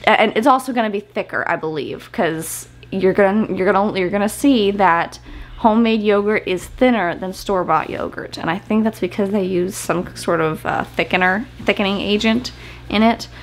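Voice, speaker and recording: A thirtysomething homesteading cooking vlogger chats to the camera while cooking at home, casually explaining each step. Her voice is medium-pitched and her pace moderate. The recording is rough.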